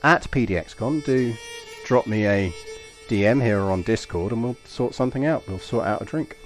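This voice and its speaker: A man's voice: lowish voice, moderate pace, soft background music. A man from East London with an English accent, giving rambling, anecdotal live-stream commentary on a strategy game and swearing casually.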